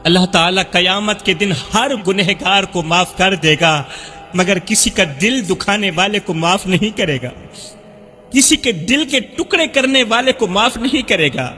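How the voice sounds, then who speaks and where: A man's voice: high voice, pushed and bright, long reverb tail. A male Islamic preacher, giving an emotional sermon full of repeated lines that build to cries. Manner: impassioned, repetitive, rising to cries.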